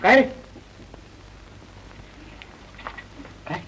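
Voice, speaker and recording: A man's voice: very fast, bright, forceful tone, close to an everyday voice, poor audio. An actor playing a joking young male friend who teases and banters in an easy way, in a 1950s film. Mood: teasing. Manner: teasing, bantering.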